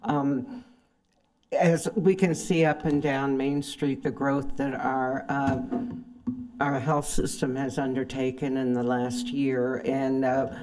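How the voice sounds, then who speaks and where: A woman giving formal remarks to a committee as a presenting board chair, polite and somewhat halting. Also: a bass voice, little pitch movement, darkish tone.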